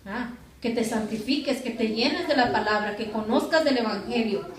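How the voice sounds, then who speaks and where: A woman's voice: on the high side, normal speed, a crowd in the background. A woman pastor, preaching a sermon and putting rhetorical questions to her congregation. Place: church hall. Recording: echoey church from far off.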